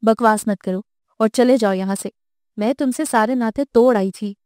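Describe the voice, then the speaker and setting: Bitter young wife, voiced by the woman reader; mellow, dry, slightly high voice. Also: dry recording, lightly acted. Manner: cold, cutting. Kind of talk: audiobook character voice.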